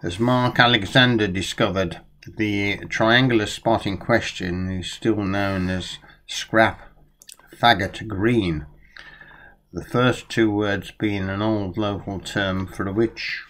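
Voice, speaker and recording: A man's voice: fairly low pitch, steady tone, takes it slowly, a bit bright. An older man at home talking about a book and reading from it aloud with storyteller relish, recorded on a close-up webcam. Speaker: vlogger reviewing a book. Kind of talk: casual talk and reading aloud. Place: small room at home, indoors.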